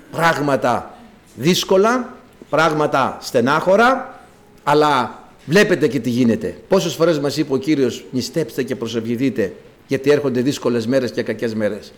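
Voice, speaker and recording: A man preaching a fervent sermon, asking rhetorical questions and reciting scripture. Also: fairly high pitch.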